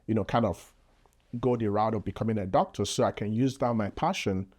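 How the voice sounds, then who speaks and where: A man with a Nigerian accent speaks in a fairly low voice. He talks as a podcast guest, explaining things earnestly and patiently, with many fillers and restarts in a casual interview. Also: a little fast, darkish tone, husky. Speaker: podcast guest, public health physician.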